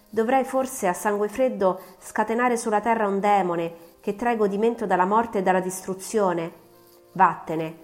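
A woman reading the lines of a resolute young male scientist in an audiobook, speaking loudly and firmly. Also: medium pitch, natural voice. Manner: loud, firm and defiant.

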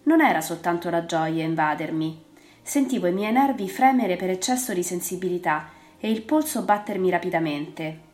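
Woman narrating an audiobook. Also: fairly low pitch. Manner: measured, expressive reading. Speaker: audiobook reader. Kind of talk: first-person novel narration. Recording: roomy with faint music.

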